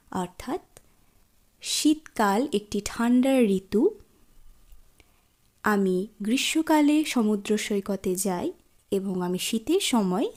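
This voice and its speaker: A woman whose first language is Bengali, teaching beginners French in an online lesson and pronouncing each French phrase slowly and carefully. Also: medium pitch, darkish tone.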